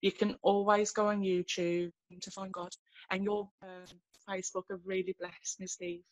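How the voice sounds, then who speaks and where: A woman tells her faith story over a webcam call from a small room at home. She speaks earnestly but haltingly, restarting often, with a flat and even tone in a dry, close sound. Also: mid-range voice, dry recording. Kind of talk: personal testimony in a video call. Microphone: laptop webcam on a video call.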